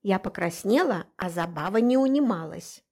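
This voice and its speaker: A woman narrating a first-person audiobook in an expressive, measured way. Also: medium pitch.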